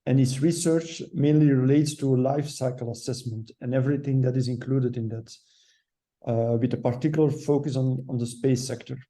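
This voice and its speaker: Guy hosting a webinar, really muffled mellow tone, medium pitch, formal intro. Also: fairly even intonation, normal speed. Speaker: webinar host.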